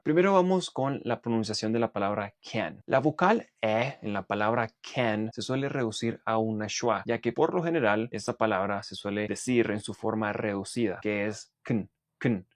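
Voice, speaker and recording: A man teaching English pronunciation, explaining clearly and methodically and modelling example words. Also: fairly low pitch, normal speed, hardly any pauses, dry recording. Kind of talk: explanatory language lesson.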